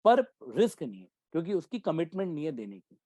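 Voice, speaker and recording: Guy teacher doing an exam prep lesson, mellow voice, dry sound, keeps asking the kids if it's clear. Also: on the high side, big pitch swings, quick pace, no room sound. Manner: keeps checking in with students; mixes Hindi with English terms. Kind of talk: exam-prep commerce lecture.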